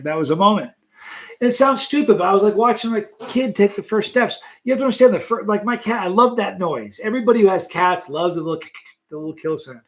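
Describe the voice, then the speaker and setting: Man, nearly sixty, hosting a live stream; chatty, animated, laughs a lot, voice on the higher side. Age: 50s. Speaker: channel host reading live chat. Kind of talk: casual live-stream chat.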